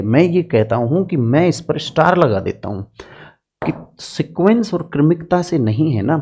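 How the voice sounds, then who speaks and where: A man's voice: medium pitch, vocal fry, mellow. A man teaching political science exam strategy in an earnest, direct lecture, using homely farm examples to make his points.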